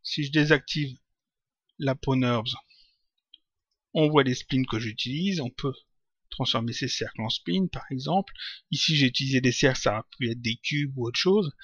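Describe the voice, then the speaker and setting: A man answering viewer questions in a casual software tutorial, talking hesitantly with many fillers and restarts. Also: medium pitch, normal speed, no room sound, lo-fi sound. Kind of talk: casual screen-recorded Q&A.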